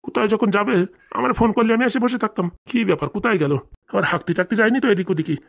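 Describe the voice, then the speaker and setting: A woman's voice: mid-range voice, animated, rapid-fire, vocal fry. A woman voicing characters in a comedy cartoon, chatty and scolding. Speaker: cartoon voice actor. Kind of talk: cartoon voice acting.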